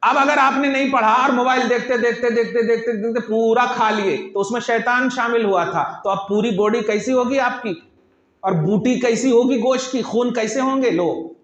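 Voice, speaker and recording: A man's voice: very high voice, normal speed. A man preaching a sermon, asking rhetorical questions and acting out bits of speech. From Hyderabad, India. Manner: animated, rhetorical questions, acts out quoted speech. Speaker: Islamic preacher. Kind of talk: Urdu sermon with personal anecdotes. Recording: echoey, dull lo-fi hall recording.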